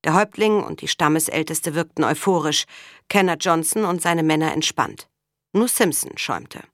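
A woman narrating an audiobook in a steady, measured reading. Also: deep voice, dry recording, studio quality.

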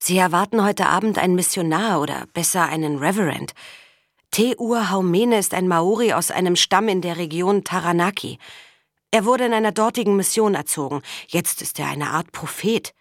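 A woman's voice: lowish voice, normal speed, no room sound, clean studio sound, natural voice. A woman reading the part of a young woman explaining things, a little resigned.

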